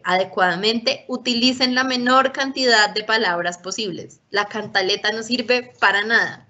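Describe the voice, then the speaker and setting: In a parent workshop, a woman lectures with a bright, forward, mid-range voice. She walks through things step by step, teaching and regularly checking that everyone is keeping up. The audio sounds dull and lo-fi.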